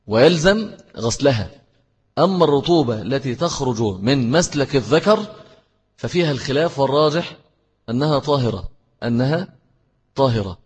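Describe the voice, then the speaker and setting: Breathy Egyptian man teaching in an echoing hall. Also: medium pitch, a little mellow. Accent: Egyptian Arabic. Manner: explains step by step, repeating key phrases. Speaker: Islamic teacher. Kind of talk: religious lesson with answers to questions.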